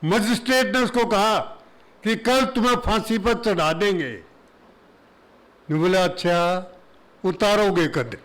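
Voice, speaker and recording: A man's voice: sits high, a little slow, long pauses, a bit bright, slight background noise, poor audio. A man from Haryana with a Haryanvi accent, telling folksy jokes and humorous verse to an audience in an auditorium, speaking into a stage mic. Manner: folksy, chatty joke-telling in Haryanvi dialect. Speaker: comic poet performing on stage. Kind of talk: stand-up humorous storytelling and verse. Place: auditorium before a live audience.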